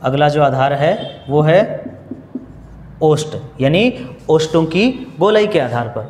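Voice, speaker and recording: A man teaching Hindi grammar in a slow classroom style, asking questions and answering them himself and going over each point again. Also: on the high side, expressive, a little mellow, roomy sound, big-room sound, slight background noise. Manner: repeats and restates points, asks questions then answers them. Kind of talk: slow, repetitive classroom explanation.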